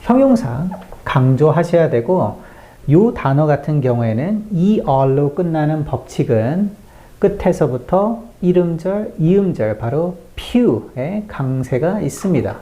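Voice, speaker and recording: A native Korean speaker teaching an English lesson, patiently explaining word stress step by step and slowly reading out example sentences. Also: mid-range voice, sing-song, dark tone, dull audio. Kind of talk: online language lesson.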